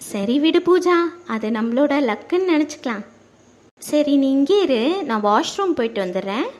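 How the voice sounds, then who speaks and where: A woman's voice: high voice, lively intonation, moderate pace, a little mellow. A woman voicing a friendly, chatty young female coworker who reassures her friend. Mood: cheerful.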